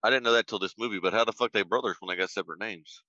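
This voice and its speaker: A man with a lowish yet forceful, bright voice, trading crude, slangy jokes as a podcast co-host. His casual banter comes through a dry, slightly dull mic. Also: rapid-fire, no echo.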